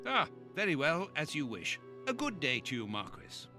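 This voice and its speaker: An earnest, slow-witted doctor sidekick in a video game cutscene. His voice sits fairly high and moves a lot as he speaks, polite and eager, with music clearly heard behind him. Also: wildly swooping pitch, sharp tone, heavily acted.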